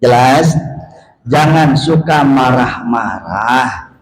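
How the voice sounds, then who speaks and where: A man preaching a comic sermon at a mosque gathering, joking and shouting as he mimics family quarrels. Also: medium pitch, animated, drawn-out words. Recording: echoey room, faint noise.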